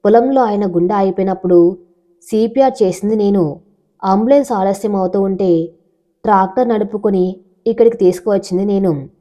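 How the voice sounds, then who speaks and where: Woman voicing a young village woman, steady, cool, firm, mellow tone, storybook. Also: medium pitch, moderate pace, long pauses, natural voice.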